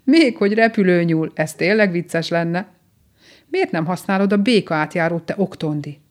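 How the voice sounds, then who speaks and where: A woman voicing a jolly old toad in a storybook reading, croaky and unpleasant-sounding, teasing and chuckling as it talks. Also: on the low side, lightly acted. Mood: mocking. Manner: mocking, chuckling.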